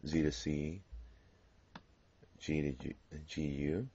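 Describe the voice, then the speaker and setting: Deep, slow-talking man teaching Spanish grammar. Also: mellow, slightly rough. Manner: explains patiently, with frequent fillers and restarts. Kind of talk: classroom grammar lecture. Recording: dull lo-fi classroom recording.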